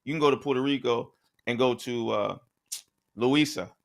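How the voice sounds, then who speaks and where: A man with a mid-range, gravelly voice co-hosts a podcast at a moderate pace. The discussion is casual and conversational, and he keeps checking in with "right?"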